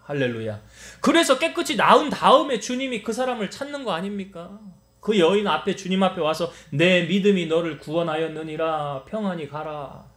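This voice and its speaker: A man's voice: high voice, a bit bright. A male pastor preaching a Wednesday service sermon and acting out the lines of the people in his story. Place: church sanctuary. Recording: echoey church hall.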